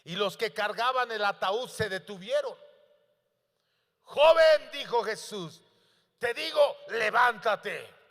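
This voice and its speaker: High, bright-voiced preaching man in a reverberant church. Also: lively intonation, takes it slowly, gravelly. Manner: preaching with swelling emphasis and rhetorical questions to the congregation. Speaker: pastor. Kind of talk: sermon. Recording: long church hall reverb.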